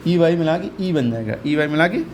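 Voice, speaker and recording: A man's voice: on the high side, lively intonation, fairly quick, a little hiss or hum. A man teaching English reading, patiently repeating each sound and quizzing his learner step by step. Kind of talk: step-by-step phonics lesson.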